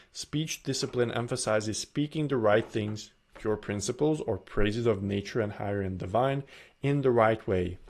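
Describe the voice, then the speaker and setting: Earnest man giving a self-help talk. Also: mid-range voice. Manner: earnest, repeats and restarts phrases. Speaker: presenter.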